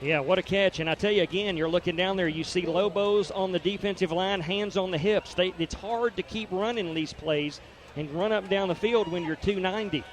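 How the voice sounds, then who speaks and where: Folksy high-voiced football color man. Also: fairly quick, slight background noise. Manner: folksy, analytical, partisan. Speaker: color commentator. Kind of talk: radio football color commentary.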